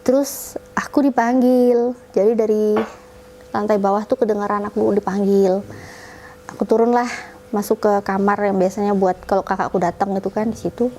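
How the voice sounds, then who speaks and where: A woman guest casually telling a personal story in an interview, lively and acting out what her family said. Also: mid-range voice, normal speed, slight background noise. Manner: animated, acts out family members' lines in quotes; talks while coughing.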